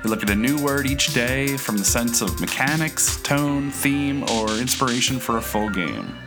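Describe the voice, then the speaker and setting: A man's voice: medium pitch, lively intonation, normal speed. A man hosting a podcast, reading a set welcome for the show. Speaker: podcast host. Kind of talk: scripted podcast intro. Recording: intro with guitar music behind. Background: guitar music.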